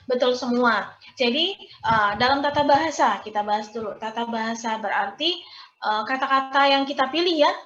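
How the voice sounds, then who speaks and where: A woman with a fairly high voice teaching a nursing class over a video call. She asks questions and patiently sums up what students say. The sound is echoey and dull. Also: moderate pace, a bit bright. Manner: explains and recaps students' answers, asks questions. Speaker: nursing lecturer. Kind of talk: online class lecture.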